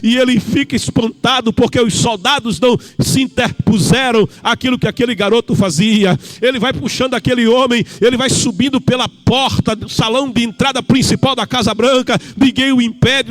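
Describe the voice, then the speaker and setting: A male evangelist, telling a story in a sermon with an impassioned, sing-song preaching cadence that rises into shouts. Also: extremely high pitch.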